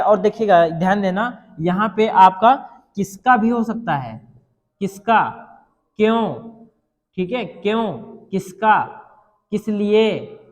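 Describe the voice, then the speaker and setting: A male teacher giving a grammar lesson for exam students, repeating example sentences slowly and asking questions. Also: sits high, long reverb tail.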